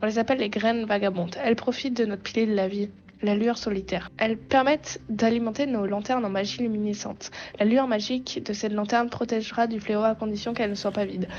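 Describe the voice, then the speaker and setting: A woman's voice: medium pitch, fairly even intonation, fast, a little mellow, highs cut off, natural voice. A woman voicing a stern, commanding forest witch in a cold, imperious manner, reading game dialogue aloud. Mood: instructive.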